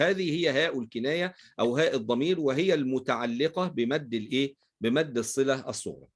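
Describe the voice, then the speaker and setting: A man with an Egyptian Arabic accent teaching a recitation class, posing questions to his students and answering them himself. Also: fairly high pitch. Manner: asks leading questions and fills in the answers, checks in with "right?". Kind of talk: explaining tajweed rules in a class.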